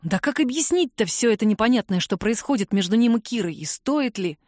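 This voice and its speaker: Female audiobook narrator; a bit high, dry studio sound. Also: animated, brisk, darkish tone, dry recording. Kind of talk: scripted narration.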